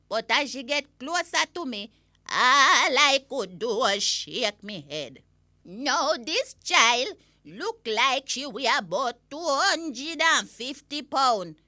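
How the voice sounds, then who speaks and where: Lady doing a grumpy old jamaican granny rant, high voice, really dry close recording, blunt n indignant. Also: bright, forceful tone, no echo, heavily acted. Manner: scolding, indignant, blunt, dramatic. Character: cantankerous old Jamaican granny, ranting and disapproving. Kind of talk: comic rant in an audio story.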